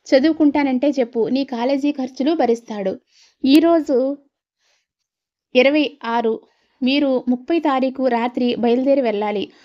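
A woman's voice: high voice, dull audio, natural voice. A woman voicing a stern, fed-up older husband who lays down the law firmly to his wife. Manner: firm, scolding.

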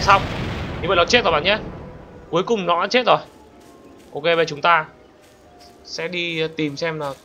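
A young man commentating a game, excitable and talking straight to viewers, bursting into panicked shouts. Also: on the high side, noisy background. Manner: talks to viewers directly. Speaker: gaming channel host. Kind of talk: let's play commentary. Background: loud game music.

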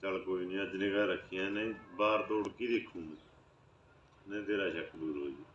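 Guy doing a steady tenant husband, lowish voice, echoey room. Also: brisk, dull audio, slight background noise. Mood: reassuring. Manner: steady, reassuring. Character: tenant husband, calm and reassuring.

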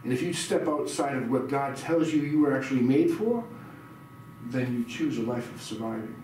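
A man's voice: mid-range voice, lively intonation, moderate pace, mellow. Middle-aged male pastor preaching, quizzes listeners, roomy echo, distant mic. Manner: reads scripture aloud and quizzes the audience. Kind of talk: sermon. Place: small church room indoors. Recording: very echoey room, heard from afar, noisy.

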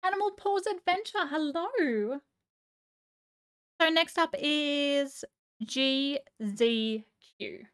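Woman, high voice, live streamer, casual chat, gushing, slightly hoarse. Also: very slow. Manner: gushing, chatty, reads chat aloud. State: voice going a little hoarse.

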